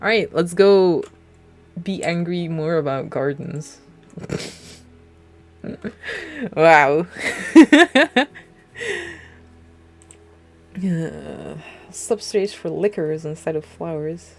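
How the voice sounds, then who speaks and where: A woman's voice: low voice, big pitch swings, very slow, pauses often. A young adult woman streaming a game, chatting in a rambling, self-mocking way and laughing often. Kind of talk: casual gameplay commentary.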